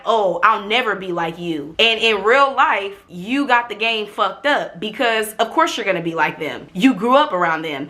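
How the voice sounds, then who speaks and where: Young woman vlogging, super candid girl talk, bright punchy voice, swears a lot and leans on her words. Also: mid-range voice. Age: young adult. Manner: candid, emphatic, slangy and profane. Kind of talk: casual confessional chat to camera.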